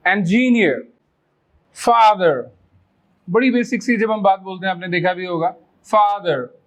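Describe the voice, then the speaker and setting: High-pitched male English tutor; coaxing, drills words and sentences slowly for learners to repeat. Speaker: English teacher. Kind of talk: spoken English lesson.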